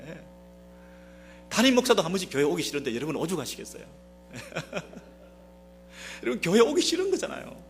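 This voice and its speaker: A man preaching a Sunday sermon in a church, his pitch swinging widely as he presses the congregation with one rhetorical question after another. Soft instrumental music plays faintly behind him. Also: huge pitch swings, brisk, vocal fry, pauses often. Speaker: pastor. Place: church sanctuary.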